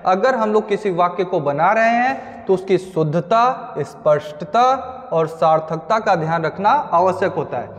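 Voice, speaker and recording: A man teaches an exam-prep grammar lesson in a high voice. He explains step by step, speaking to his viewers as friends and working through examples. The room gives his voice a long reverb.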